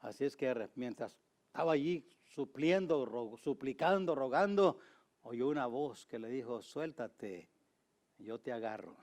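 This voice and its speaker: A male pastor preaching a sermon. He speaks emphatically, repeats key phrases and tells anecdotes, moving from loud, high exhortation to low, quiet asides. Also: expressive, normal speed. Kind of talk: Spanish-language sermon.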